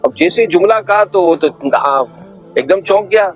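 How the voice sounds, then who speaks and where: A man's voice: high voice, lively intonation, unhurried, faint music behind, poor audio. A man, a guest on a religious talk show, telling anecdotes and acting out the dialogue.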